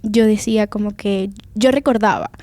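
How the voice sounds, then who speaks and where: Venezuelan young woman with a dark, dry voice. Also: mid-range voice, steady tone, moderate pace, dry recording. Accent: Venezuelan Spanish. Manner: earnest, confiding storytelling. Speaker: guest giving testimony. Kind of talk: personal faith testimony.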